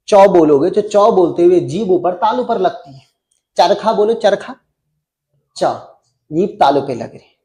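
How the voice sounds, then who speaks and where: Man, grammar teacher, classroom lecture, high voice, keeps asking if students follow. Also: mellow, echoey room. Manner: asks students frequent check questions; sounds out letters for students to repeat.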